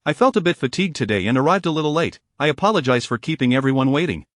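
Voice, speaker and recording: A man's voice: mid-range voice, lively intonation, racing, a bit bright, no room sound, studio quality, lightly acted. A man voicing an arrogant young noblewoman with a haughty, mocking manner.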